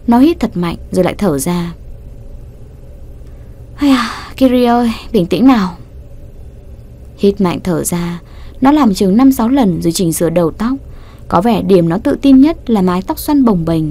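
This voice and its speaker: A woman reading a romance novel aloud as an audiobook narrator, in a calm, even storytelling voice. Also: lowish voice, moderate pace. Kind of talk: scripted narration.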